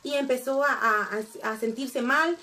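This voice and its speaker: High-voiced woman telling a story. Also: unhurried. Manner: animated, addresses viewers directly, frequent restarts and fillers. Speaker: vlogger telling a family story. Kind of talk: casual storytelling to camera.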